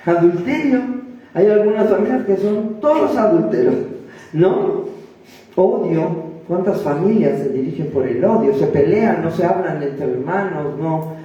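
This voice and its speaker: A woman's voice: on the low side, animated, unhurried, warm tone. A woman pastor gives a sermon in a conversational way, full of rhetorical questions to the congregation. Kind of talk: sermon teaching. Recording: echoey room, distant dull mic.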